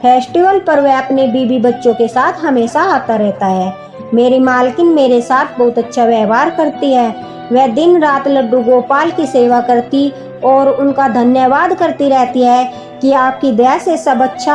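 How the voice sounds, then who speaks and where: A woman's voice: high voice, unhurried, darkish tone. A woman narrating a devotional story in an earnest way, speaking to her listeners as devotees. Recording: background music under the voice.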